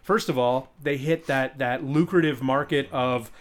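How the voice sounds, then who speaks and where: A man's voice: mid-range voice, measured pace. A man co-hosting a podcast in casual chat, rambling and joking with many restarts. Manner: rambling, jokey, lots of restarts. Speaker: podcast co-host.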